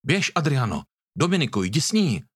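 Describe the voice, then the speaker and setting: A man's voice: mid-range voice, very animated, fairly bright tone, husky, no room sound, clean studio sound, pitched above the performer's own voice. A man reading the part of a commanding young man standing up for his friend. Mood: urgent. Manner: stern, commanding. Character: young man, protective and threatening.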